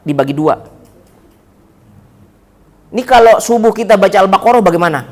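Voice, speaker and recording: A man giving a chatty, joking sermon in a mosque, often turning to the listeners with questions. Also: high voice. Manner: chatty, joking, addresses the audience directly. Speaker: preacher.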